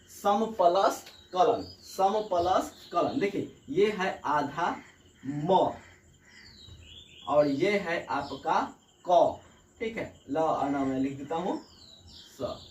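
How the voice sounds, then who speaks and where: High-voiced male teacher in an echoey room. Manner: repeats points and asks the students rhetorical check questions. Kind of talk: whiteboard grammar lesson. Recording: echoey room, mic far off, birds outside.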